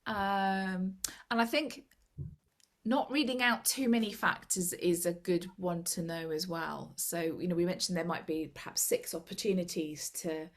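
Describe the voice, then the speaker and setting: A woman's voice: fairly low pitch, unhurried. A woman sharing tips in a casual chat over a laptop video call, laughing often and acting out little quotes. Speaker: club member giving tips.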